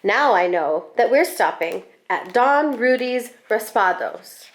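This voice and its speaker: A woman on the school staff reads a children's picture book aloud, telling the story in an expressive, deliberate way. Her voice sits a little high.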